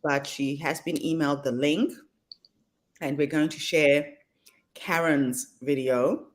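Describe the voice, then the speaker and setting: A woman hosting an online summit, speaking in a brisk, practical and earnest way. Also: low voice, fairly even intonation. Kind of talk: casual chat on a video call.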